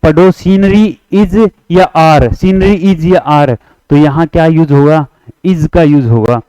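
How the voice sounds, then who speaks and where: High-voiced Hindi-speaking grammar teacher, unhurried. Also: male voice, mellow, clear, resonant tone, no room sound, lo-fi sound. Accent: Haryanvi Hindi. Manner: repeats points and coaxes students to answer along; reads English example sentences slowly. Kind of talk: exam-prep grammar lesson.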